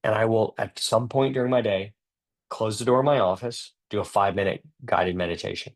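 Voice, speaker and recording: A dentist giving an energetic, joking motivational talk with emphatic delivery. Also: male voice, lowish voice, a little fast. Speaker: dentist and speaker.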